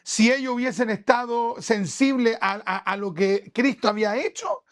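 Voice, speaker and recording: A man's voice: very high voice, moderate pace. A man with a Chilean accent preaching a sermon at a church service, talking conversationally and asking the congregation one rhetorical question after another. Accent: Chilean Spanish. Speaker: pastor.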